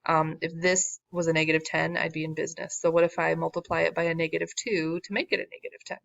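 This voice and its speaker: A woman's voice: low-pitched, little pitch movement, fast, creaky, a bit bright, dry recording. A woman math teacher walking through a word problem in a recorded lesson, casual and wry, losing her voice. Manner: casual, self-deprecating, wry asides. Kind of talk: recorded classroom lesson walkthrough. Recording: dull lo-fi recording, dry.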